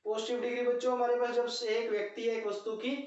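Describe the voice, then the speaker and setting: Male grammar teacher who spells words out letter by letter and talks to the class as children. Heard from a distance in a booming, echoey classroom. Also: level tone, fast talker, a little mellow. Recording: very echoey, distant, dull lo-fi sound.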